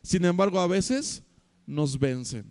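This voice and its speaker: A young adult man with a Mexican accent, a pastor preaching a sermon and telling stories with acted quotes, dropping between loud and soft. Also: high voice, animated, slow, no echo, studio quality. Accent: Mexican Spanish. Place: church hall.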